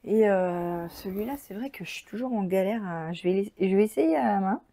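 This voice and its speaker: Woman host, casual unboxing chat, mellow tone, eager and rambling. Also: medium pitch, animated, moderate pace. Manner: chatty, enthusiastic, thinks aloud with many fillers. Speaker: crafting channel host.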